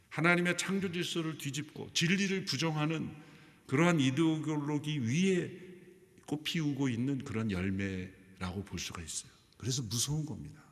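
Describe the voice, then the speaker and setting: A man's voice: medium pitch, fairly bright tone. Emphatic male pastor preaching in reverb. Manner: emphatic preaching, voice rising sharply on key phrases. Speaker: senior pastor. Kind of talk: sermon. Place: large church sanctuary. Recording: long hall reverb.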